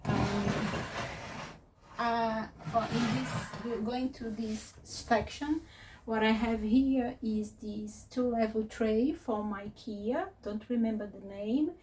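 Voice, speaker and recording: A woman who is not a native English speaker, giving a casual, unscripted tour as a vlogger in a hesitant, halting way. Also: on the high side, a little mellow. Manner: hesitant, halting phrasing with searching pauses. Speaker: craft vlogger and presenter. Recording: distant mic with faint noise.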